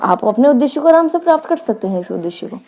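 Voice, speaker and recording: Mellow-voiced woman teaching a lecture. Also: high voice, very animated, creaky. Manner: explanatory, reads English phrases slowly then explains. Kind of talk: online lecture.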